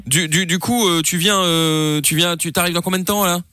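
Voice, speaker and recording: A man's voice: high-pitched, fairly even intonation, moderate pace, bright, forceful tone, no room sound. A man radio host playing a sleazy, clueless young man on a prank call who hesitates and stammers. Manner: hesitant, full of stammers and restarts.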